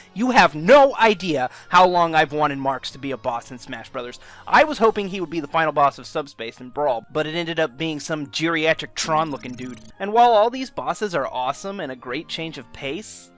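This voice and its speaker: A man's voice: a little high, fairly bright tone. A man hosting his own gaming commentary video, delivering a scripted rundown with heavy sarcasm and frequent swearing.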